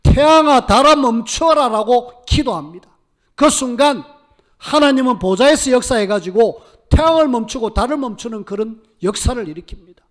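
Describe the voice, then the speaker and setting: High-voiced preaching pastor, emphatic. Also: male voice, lively intonation, brisk. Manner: emphatic preaching, acting out prayers of biblical figures. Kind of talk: sermon.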